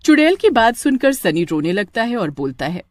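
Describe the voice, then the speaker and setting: A woman narrating a horror story in an expressive, storytelling way. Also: on the high side, moderate pace, no echo, studio quality.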